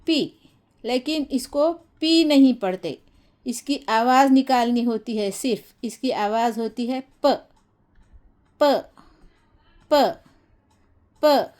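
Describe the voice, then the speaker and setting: Slow, patient woman teaching letter sounds. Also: high voice, a little mellow. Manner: slow, patient, repeats each sound several times; addresses viewers directly and encourages them. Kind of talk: phonics lesson for beginners.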